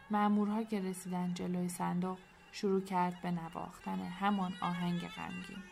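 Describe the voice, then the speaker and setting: A woman narrating a storybook in an expressive, clear storytelling manner. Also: medium pitch.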